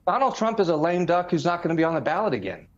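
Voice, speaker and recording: A man's voice: a little high, sing-song, quick pace, lo-fi sound. A man who is a former congressman, speaking emphatically as a political commentator on a discussion panel. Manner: emphatic, explanatory, lists figures.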